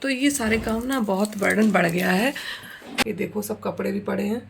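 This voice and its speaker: A woman's voice: medium pitch, moderate pace, vocal fry, a little hiss or hum. A woman, chatting casually to viewers in a home vlog about her day and housework. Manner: chatty, relaxed, talks straight to viewers. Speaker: vlogger, homemaker and mother. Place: at home, indoors.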